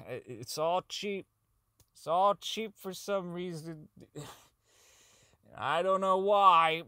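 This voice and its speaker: In a fan-made audio drama, a male voice actor plays a socially inept, bitter robotics engineer sliding toward insanity, delivering a dramatic monologue as a recorded log. His voice is high, a bit bright, clear and resonant, captured in clean, echo-free studio sound. Wry and dismissive, he rambles, stammers, swears, and breaks into outbursts.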